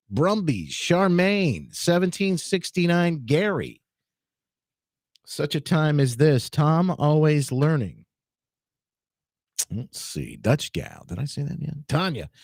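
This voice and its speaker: A man's voice: a little high, a little mellow, no echo. A man hosting a talk radio show, chatting casually and greeting listeners by name from his studio. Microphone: studio microphone.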